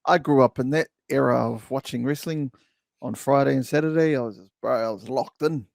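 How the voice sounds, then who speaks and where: A man's voice: mid-range voice, brisk, creaky, a little mellow, dry recording, studio quality. A young man with a New Zealand accent, chatting casually as a podcast guest, slangy and full of restarts. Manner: laid-back slangy, lots of restarts and fillers. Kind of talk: casual chat.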